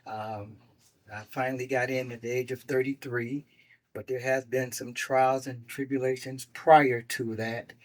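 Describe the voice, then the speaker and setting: Older male guest on a talk show, sixties, mid-pitched voice, animated storyteller who acts out the voices of people he quotes. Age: 60s. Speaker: guest doctor. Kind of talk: casual storytelling.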